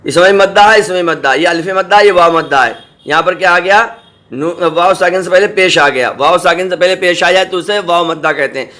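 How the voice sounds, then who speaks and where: A man teaching Quran reading, spelling out syllables slowly and patiently and often checking that students follow. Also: high-pitched, sharp tone. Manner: checks in with "samjhe?" and "theek hai". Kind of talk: spelling-out recitation lesson.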